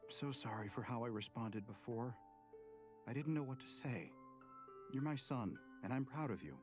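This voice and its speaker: A man reading out the gentle, remorseful words of an older mother in a soft, apologetic way, with faint music behind. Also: mid-range voice, expressive, normal speed, natural voice. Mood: tender.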